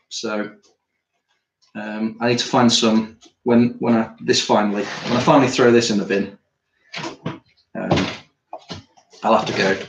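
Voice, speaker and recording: A British man, an artist chatting casually on a live stream while he works, rambling and thinking aloud, a bit tired after climbing. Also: on the low side. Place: art studio. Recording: roomy studio with faint noise.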